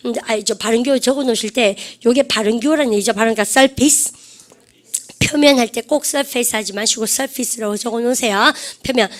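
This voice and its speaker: A woman English teacher giving an online grammar lecture, quizzing her students with constant questions and drilling English words aloud. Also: on the high side.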